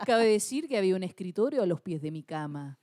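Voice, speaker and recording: A woman's voice: lowish voice, sing-song, a little fast, mellow. A Chilean woman co-hosting a comedy podcast, reading a listener's story aloud with lots of slang and laughter.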